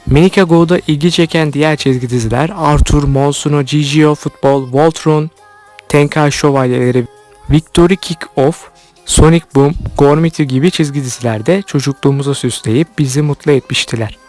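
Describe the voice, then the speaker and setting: Over background music, a man narrates scripted commentary about cartoons for his YouTube channel. He speaks a little fast in a slightly high, slightly mellow voice.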